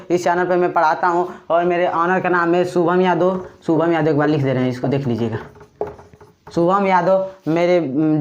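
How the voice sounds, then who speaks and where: Man, Bhojpuri-tinged accent, joking teacher, chatty grammar lesson, dull lo-fi sound. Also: sits high. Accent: Bhojpuri-tinged Hindi. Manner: chatty, joking, addresses viewers as brothers. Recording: slightly dull lo-fi recording.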